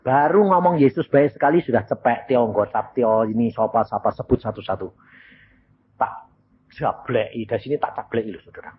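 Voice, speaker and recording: A man's voice: a little fast, phone-quality sound, slight background noise. An older man preaching a sermon, telling stories with lots of energy and acting out the voices of the people in them. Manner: animated storytelling, acting out quoted voices, jumps high in pitch; mixes Javanese words into Indonesian, calls the congregation "saudara".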